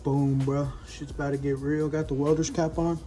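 A man's voice: a little high, level tone, moderate pace, music in the background. A man in his twenties chatting casually to camera in a garage, swaggering and slangy with heavy swearing. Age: 20s. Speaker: DIY car repair vlogger. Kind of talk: casual vlog chat to camera. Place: home garage with open door.

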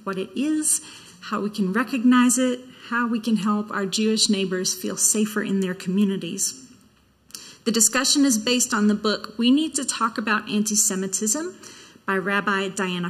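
Measured woman in a reverberant church. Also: a little high. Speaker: minister leading a church service. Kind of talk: church announcements and reading. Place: church sanctuary, at the pulpit. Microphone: gooseneck pulpit microphone. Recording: long reverb of a large hall.

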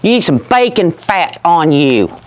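A woman's voice: on the low side, very animated, a little slow, darkish tone. Woman, 50s, playful first-time shooter; outdoor noise behind her. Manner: playful, laughing, whooping after shots. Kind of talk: casual chat while shooting.

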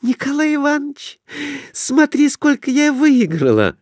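Man doing a giddy young wife, squealing exclamations, excitable gambler, storybook reading. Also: sits high, normal speed, dry recording, studio quality, pitched above the performer's own voice. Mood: excited.

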